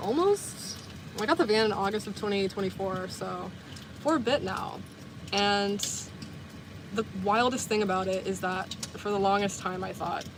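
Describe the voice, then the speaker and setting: This clip has a medium-pitched female livestreamer in her twenties, originally from the American South, talking loosely with her audience. Her speech wanders, full of "like" and mid-sentence fixes, and the background is noisy.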